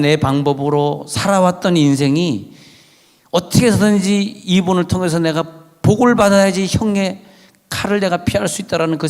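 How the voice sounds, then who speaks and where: A man's voice: high-pitched, gravelly, long reverb tail. A male pastor preaching a sermon in a church sanctuary, telling stories in a chatty way and acting out the people he quotes. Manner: chatty storytelling with dramatized quotes.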